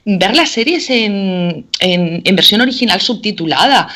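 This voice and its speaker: A woman's voice: medium pitch, animated, a little slow, bright, forceful tone. A middle-aged woman from Spain, a teacher chatting casually and filling her talk with "o sea" and "¿vale?". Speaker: teacher and guest. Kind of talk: casual chat.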